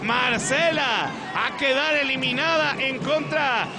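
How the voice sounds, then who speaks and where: A man works as a lucha libre play-by-play commentator. He calls the action excitably and draws out his key words. Heavy noise covers the broadcast audio. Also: extremely high pitch, slow, a crowd in the background. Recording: very noisy arena broadcast audio.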